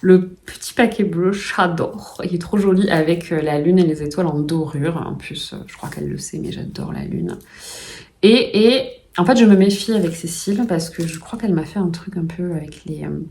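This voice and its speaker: A woman vlogging casually at home, gushing with excitement and often restarting with fillers. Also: lowish voice, moderate pace. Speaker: puzzle vlogger. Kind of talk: casual vlog chat.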